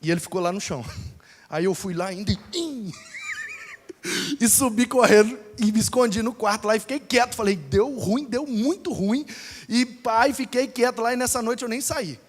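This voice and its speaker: A pastor telling a lively personal story in a sermon, acting out the people in it. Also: male voice, extremely high pitch, moderate pace, husky. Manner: animated, acts out voices in his story. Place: church hall. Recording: long hall reverb.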